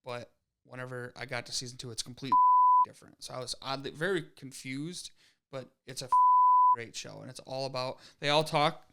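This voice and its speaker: A man's voice: medium pitch, steady tone, fairly quick, gravelly, heavy background noise. A young man from Wisconsin co-hosting a casual podcast, rambling loosely with lots of fillers. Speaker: podcast co-host.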